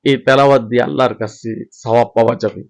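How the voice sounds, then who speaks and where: A man teaching Quran reading, chanting each Arabic letter with its vowel mark in a slow, measured drill, then speaking to his viewers in a softer voice. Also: mid-range voice, fairly even intonation, creaky. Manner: softer, quicker closing talk to viewers.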